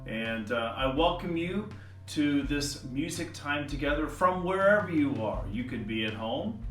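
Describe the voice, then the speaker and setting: A man teaching an online music lesson to young children, gentle, encouraging and playful. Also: on the high side, lively intonation, unhurried. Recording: echoey room, voice a bit distant. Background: acoustic guitar.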